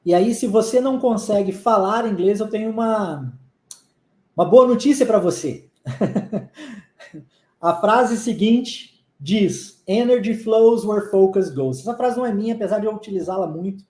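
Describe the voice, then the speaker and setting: Slow, repeated phrase drills mark this live online English lesson from a teacher whose native language is Portuguese. The voice is mid-range, mellow and dark, and she checks in quickly with learners again and again. Her room has a noticeable echo.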